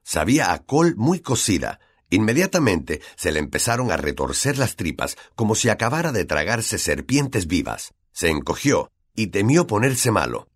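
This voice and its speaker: Lively Latin American male narrator. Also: on the low side, normal speed, few pauses, slightly rough, no room sound, clean studio sound. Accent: Latin American Spanish. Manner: expressive storytelling. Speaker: audiobook narrator. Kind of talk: scripted narration.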